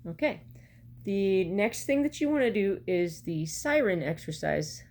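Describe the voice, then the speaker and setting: A woman's voice: fairly low pitch, a little mellow. A middle-aged woman giving an instructional music lesson to camera, explaining step by step and counting out beats. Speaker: bagpipe practice chanter teacher. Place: small room at home, indoors. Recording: clear background noise, home recording. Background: metronome clicks at times, room noise.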